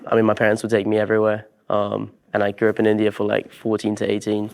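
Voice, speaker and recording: An American man answering questions casually on a game show, relaxed and hesitant. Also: lowish voice, quick pace, vocal fry.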